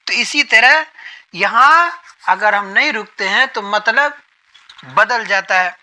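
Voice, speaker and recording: Man, Quran teacher, explanatory lesson, keeps repeating points, asks and answers himself, sharp bright tone. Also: high voice, rough recording.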